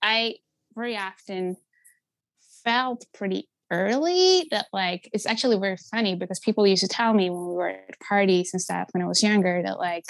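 Speaking at medium pitch and a moderate pace, with no room sound, a Swedish-accented woman from Sweden appears as a guest in a conversational interview. She's an app founder, earnest and chatty, and fills her speech with lots of "like".

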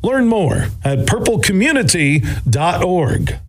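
A man's voice: high-pitched, sing-song, slow, noisy background. A man, a radio host, reading scripted sponsor ads. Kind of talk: scripted ad read. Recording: loud music bed.

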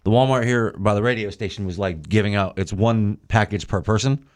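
Laid-back lower-voiced male radio host. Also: brisk, darkish tone. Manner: laid-back, joking, lots of fillers. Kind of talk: casual on-air banter. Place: radio studio.

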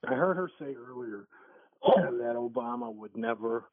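Husky male caller over the phone. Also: medium pitch, lively intonation, a little slow, dry recording. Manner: emphatic, argumentative. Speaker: radio call-in caller. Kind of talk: call-in talk radio. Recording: tinny phone line.

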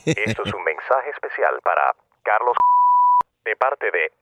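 A man's voice: lowish voice, very animated, measured pace. A man speaking as an automated phone poll, formal and instructing. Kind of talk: recorded phone menu prompts. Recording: muffled phone line with loud noise.

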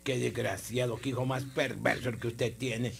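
A man's voice: mid-range voice, fairly even intonation, moderate pace, vocal fry. A man with a Honduran accent playing an indignant, protective neighbor who scolds, in a radio drama.

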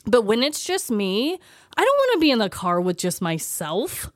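A woman's voice: fairly high pitch, normal speed, dry recording, studio quality. A woman co-hosting a podcast in casual, chatty style, sounding nasal and congested with a slight cold. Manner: animated, chatty, self-deprecating. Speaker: podcast co-host. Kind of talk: casual chat.

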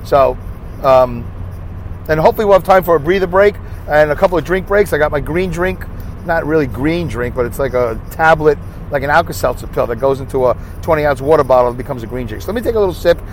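In a rambling, self-mocking solo podcast recorded from his car on the highway, a Brooklyn-accented man talks fast in a slightly high voice and asks himself rhetorical questions. The audio is poor, with faint road noise behind him.

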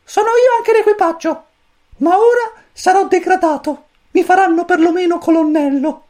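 Woman voicing a squeaky cosmic chick commander. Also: normal speed. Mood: fretful. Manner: stern, lecturing, squeaky and excited. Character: tiny fussy male cosmic chick, spaceship commander. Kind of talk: storybook reading.

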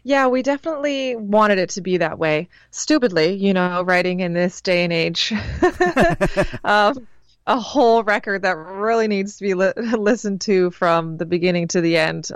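A woman's voice: fairly low pitch, clean tone, no room sound. A woman musician chatting casually and earnestly as an interview guest. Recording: dull, band-limited remote line.

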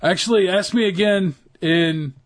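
A man's voice: high-pitched, a little slow. Laid-back crude-joking man in his thirties. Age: 30s. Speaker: podcast co-host. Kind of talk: casual chat.

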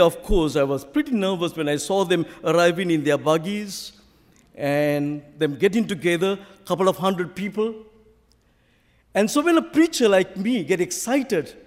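High-voiced Sri Lankan man preaching in a hall. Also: a little mellow. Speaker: visiting preacher. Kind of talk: sermon with storytelling and scripture reading. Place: large church hall, preaching to a congregation. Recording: hall reverb from a church PA.

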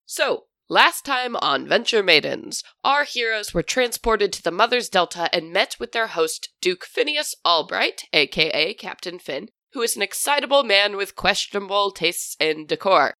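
A woman's voice: mid-range voice, sing-song, moderate pace, hardly any pauses, bright, forceful tone, dry recording, studio quality. A woman hosting a tabletop gaming podcast with informal, chatty announcements as game master.

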